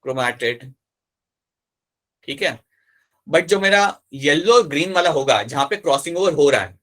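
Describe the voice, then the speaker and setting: A man's voice: mid-range voice, fairly bright tone. A man teaching biology in a live online class, explaining step by step, repeating key terms and checking that his students follow. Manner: switches between Hindi and English mid-sentence.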